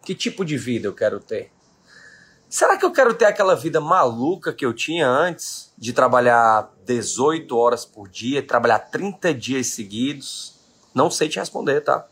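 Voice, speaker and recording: A man's voice: mid-range voice, expressive, moderate pace, fairly bright tone, husky. A man in his late thirties from Brazil, a business owner giving an emphatic motivational talk to his live-stream audience, repeating his key questions. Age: 30s.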